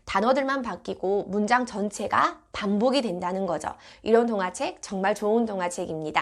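A woman's voice: medium pitch, a bit bright. A woman giving polite, encouraging instructional narration about children's picture books, as if for parents and teachers of toddlers.

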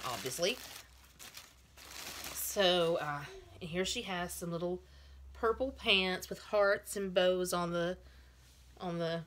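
At home with her cat and child close by, a woman in her thirties who collects dolls casually unboxes one for her vlog, delighting in each small piece. Her voice sits on the low side, and there's background noise.

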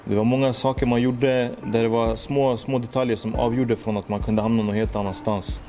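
Young man, earnest reflective monologue, street slang, mellow dark tone. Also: medium pitch, level tone, slight background noise. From Sweden. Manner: earnest, reflective, heavy use of street slang and "du vet" fillers. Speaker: musician telling his story.

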